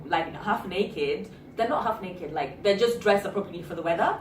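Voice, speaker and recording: A young woman recounts a story in a lively, blunt way, swearing freely. She sits away from the mic, and the room rings noticeably with a faint hiss underneath. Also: mid-range voice, a little fast, reverberant, far from the mic. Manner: animated, swears freely, acts out quotes. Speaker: vlogger. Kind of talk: casual story time.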